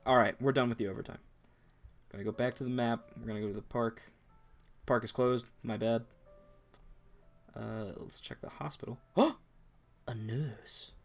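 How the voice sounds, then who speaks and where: A man's voice: mid-range voice, steady tone, normal speed, vocal fry, long pauses, soft background music. Chatty man narrating a game. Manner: chatty, reads text aloud. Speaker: let's play host. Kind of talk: gameplay commentary.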